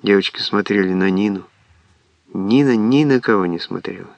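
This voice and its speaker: Low-voiced man reading a story. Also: normal speed, vocal fry, dry recording. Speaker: audiobook narrator. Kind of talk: literary audiobook reading.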